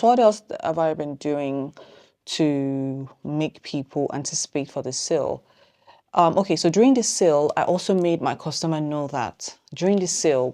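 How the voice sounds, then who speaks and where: A woman's voice: sits low, mellow. A woman who owns a small business, giving casual vlog advice and thinking aloud with plenty of ums. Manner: says she is talking fast.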